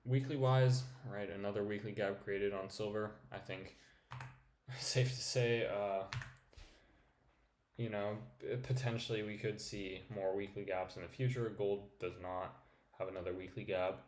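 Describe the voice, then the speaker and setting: Tired man rambling through a trading recap. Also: lowish voice. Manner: rambling, filler-heavy, says "right?" often. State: tired, yawning. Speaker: trading channel host. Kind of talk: casual screen-share market recap. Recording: echoey room with faint noise.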